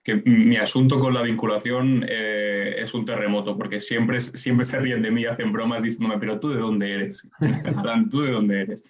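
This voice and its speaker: A man's voice: on the low side, steady tone, moderate pace, highs cut off. A young man in his twenties from Spain, a political scientist answering interview questions in structured points with rhetorical questions. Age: 20s.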